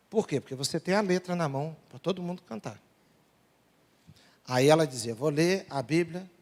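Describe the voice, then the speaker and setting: A male pastor preaching a sermon in a church, telling humorous family stories and acting out the dialogue. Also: on the high side. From Brazil. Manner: storytelling, humorous, acts out dialogue. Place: large church sanctuary. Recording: long church hall reverb.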